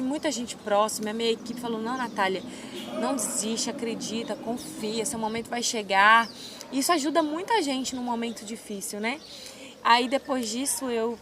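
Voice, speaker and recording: A woman's voice: a little high, background noise. A woman in her twenties from Brazil, an MMA fighter telling her story in an interview with devout, emotional feeling. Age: 20s. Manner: emotional, devout, animated retelling. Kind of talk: casual interview.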